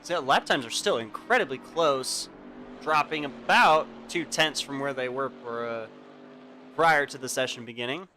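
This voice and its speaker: A man's voice: medium pitch, normal speed, pushed and bright. A man hosting a live sim racing stream, giving casual race commentary and chatting directly to his viewers. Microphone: home streaming mic. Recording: game car engine noise behind voice. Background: racing game engine and track sounds.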